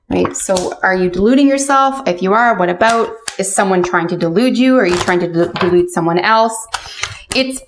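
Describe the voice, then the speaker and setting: A woman's voice: medium pitch, slight background noise. A woman fortune teller doing a casual spoken tarot and oracle card reading, addressing the listener directly. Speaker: tarot reader.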